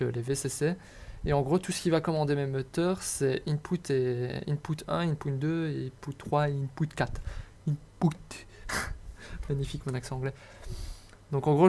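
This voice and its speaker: A man's voice: on the high side, darkish tone. A young man talking casually through a slide tutorial on electronics, hesitant and joking at himself. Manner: hesitant, many fillers and restarts, self-mocking asides. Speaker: hobbyist electronics explainer.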